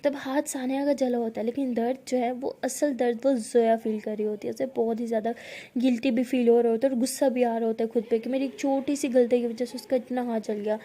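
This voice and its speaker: A woman's voice: on the high side, fairly even intonation, a little fast, mellow. A woman narrating a love story to her viewers in a chatty, direct way.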